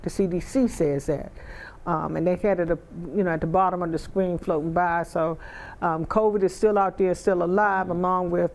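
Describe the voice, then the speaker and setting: A woman's voice: fairly low pitch, steady tone, moderate pace, a little mellow. A middle-aged woman hosting a talk show in a studio, chatting in a rambling way with lots of fillers while she is feeling unwell. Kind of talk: casual interview chat.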